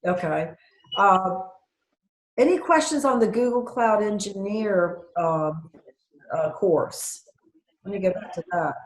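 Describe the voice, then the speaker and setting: A woman's voice: mid-range voice, takes it slowly, pauses often, reverberant, slight background noise. A woman professor giving a casual university lecture over a video call, with frequent ums and self-corrections. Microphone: video call computer mic.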